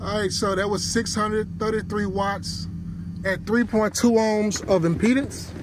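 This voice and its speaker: With a high, steady, unhurried voice, a man hosts a hands-on car audio test, narrating each step for "you guys" watching. The background carries clear noise from the vehicle.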